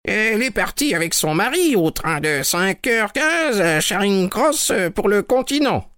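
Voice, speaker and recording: A man's voice: sits high, big pitch swings, a little slow, fairly bright tone, clean tone, no room sound, studio quality, voice pushed up, full character voice. A man voicing a sardonic elderly woman servant in an audiobook reading.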